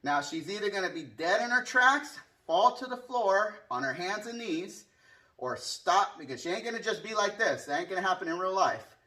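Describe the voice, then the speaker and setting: Man teaching martial arts, bright, distant mic. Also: sits high, animated, normal speed. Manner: punctuates explanations with short strike sounds and counts. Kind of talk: hands-on demonstration teaching, casual explanation. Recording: distant microphone.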